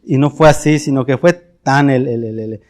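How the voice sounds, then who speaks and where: A man's voice: mid-range voice, moderate pace, darkish tone. A middle-aged man with a Mexican Spanish accent, preaching a confessional sermon in an earnest way, often repeating words and restarting phrases. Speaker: pastor.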